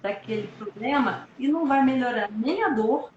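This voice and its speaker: A woman doctor hosts a live-stream conversation, speaking in a reflective, encouraging way. Her voice is a touch higher than average. The room sounds roomy and echoey, with faint noise behind her. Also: animated, normal speed, lo-fi sound.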